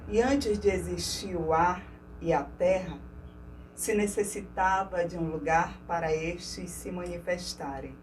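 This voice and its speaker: Female storyteller, low voice, unhurried dramatic telling, off-mic with faint hiss. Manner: slow, dramatic, with hushed dips and swells. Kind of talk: mythological storytelling narration. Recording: distant mic with faint noise.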